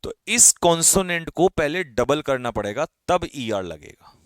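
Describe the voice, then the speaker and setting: An Indian-accented man teaching grammar for exam prep, his pitch rising and falling a lot as he talks. He asks his own questions, answers them, and drops his voice at the end of each list of examples. The sound is dry and close. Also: very animated, a little slow, no echo. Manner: explains step by step, code-mixing, asks and answers own questions; calls students brother, drops his voice at ends of lists. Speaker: English teacher. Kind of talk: online exam-prep lesson.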